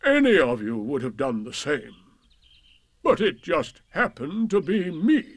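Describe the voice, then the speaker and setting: Casting: old storybook donkey, pompous and sorry for himself, slow and ponderous, raised swooping pitch. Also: male voice, sing-song, dry recording. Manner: ponderous, drawn-out, sternly declaiming. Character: gloomy, pompous, self-pitying old male donkey. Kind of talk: storybook character voice.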